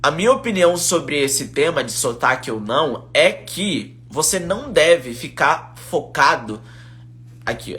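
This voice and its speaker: A young Brazilian man, an English teacher, chatting casually on a live stream, reading out viewer comments in a relaxed, slangy way. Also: mid-range voice. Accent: Brazilian Portuguese. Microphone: phone.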